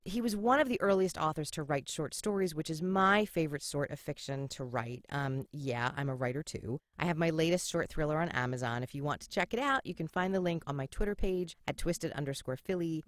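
A woman's voice: sits low, a little fast, few pauses, no echo, clean studio sound. A middle-aged woman from Philadelphia hosting a history podcast, narrating in a sarcastic, irreverent way and swearing casually. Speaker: podcast host.

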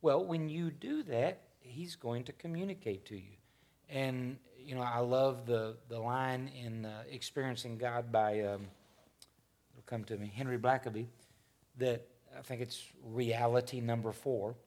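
A man's voice: mid-range voice, a little mellow. Folksy man in his fifties, rambling. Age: 50s. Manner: rambling, self-correcting, folksy. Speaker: church panel host. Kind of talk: casual church discussion.

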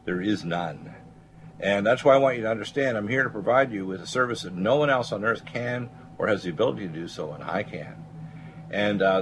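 A man's voice: fairly low pitch, a bit bright, a little hiss or hum. A man hosting a talk show as a doctor, speaking off the cuff to listeners in a self-assured, salesman-like way. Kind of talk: unscripted monologue to listeners.

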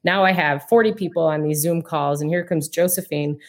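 A woman in cybersecurity chatting casually, telling lively stories and laughing often. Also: deep voice, brisk. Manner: animated storyteller, laughs often. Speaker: cybersecurity guest. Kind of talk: casual conversation.

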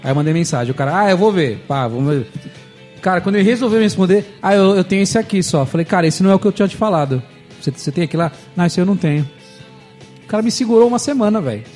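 A young man with a high, quick voice jumps in with slangy remarks and short anecdotes. Faint music lies under the conversation. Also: expressive, a little mellow. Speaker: podcast co-host. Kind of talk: casual chat.

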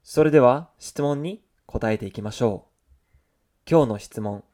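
A man hosting a language lesson, giving a scripted introduction with slow, careful enunciation for learners. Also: mid-range voice, dark tone. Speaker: host of a Japanese learning show.

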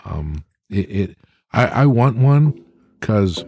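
A man's voice: lowish voice, very animated, slow pace, darkish tone, breathy edge, dry recording. A man co-hosting a podcast and telling a story eagerly in casual chat. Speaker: podcast co-host.

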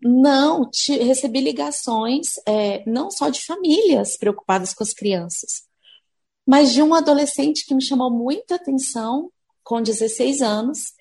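This woman, a speech therapist, speaks in a high, expressive, slightly mellow voice at a measured pace. Answering interview questions, she explains patiently and plays out the words of parents and kids.

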